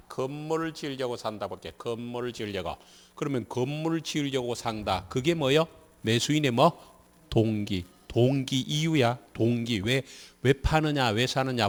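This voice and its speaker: The lecture carries a long reverb tail as a mid-range male voice with a Gyeongsang Korean accent teaches civil law. He is preparing a class for the real estate licensing exam, repeatedly drilling them with quiz questions.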